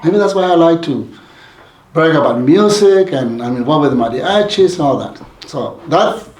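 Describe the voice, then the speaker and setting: A man's voice: a little high, animated, normal speed, darkish tone. A man from Mexico telling his life story in an interview, rambling with many restarts and fillers. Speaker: community leader guest. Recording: roomy echoey sound.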